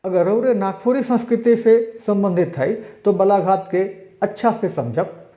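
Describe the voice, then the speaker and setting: A male teacher lectures slowly and patiently, working through spoken examples one by one. His voice is high-pitched yet mellow. The recording sounds dull and roomy. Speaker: language teacher. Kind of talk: recorded exam-prep lecture.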